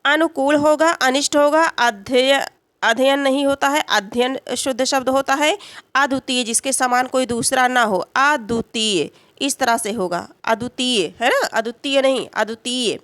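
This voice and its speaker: A woman teaching grammar for exams, who explains slowly, poses questions and answers them herself, and keeps checking in with her students. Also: high-pitched, a bit bright, no room sound. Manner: frequent "है ना" check-ins and "अ" fillers. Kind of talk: exam-prep grammar lesson.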